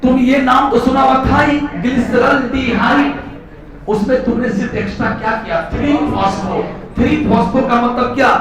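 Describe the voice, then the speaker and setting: A man teaching a class, playfully quizzing students and turning molecules into characters. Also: extremely high pitch. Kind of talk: classroom lecture with storytelling. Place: large classroom. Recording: very echoey classroom from far off, class audible.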